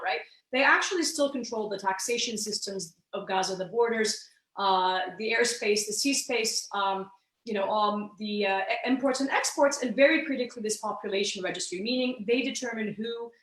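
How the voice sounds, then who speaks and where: A woman's voice: mid-range voice, fairly bright tone, reverberant, rough recording. A woman born in Kuwait and raised in Saudi Arabia, teaching a live online cooking class from her kitchen over a video call. She explains thoughtfully, with many ums and restarts. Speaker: cooking instructor.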